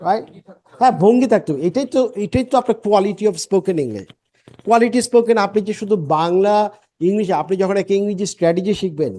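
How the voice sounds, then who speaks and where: A man with a Bengali accent gives a spoken English lesson. His voice sits high but has a mellow, dark tone. He drills short phrases slowly and says each one again and again. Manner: drills phrases slowly, repeating them over and over. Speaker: English teacher.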